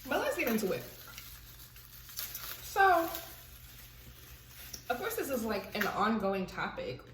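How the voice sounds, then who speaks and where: A woman's voice: mid-range voice, huge pitch swings, a little fast, a bit bright. A young woman hosting a channel, chatting casually and animatedly over a mukbang, often laughing as she talks. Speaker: channel host. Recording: echoey room, distant mic, faint hiss.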